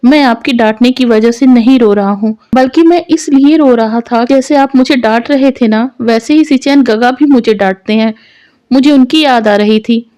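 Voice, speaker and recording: Woman plays a shy young man, soft, wistful, slightly sulky; storybook read, light pitch. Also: normal speed, lightly acted.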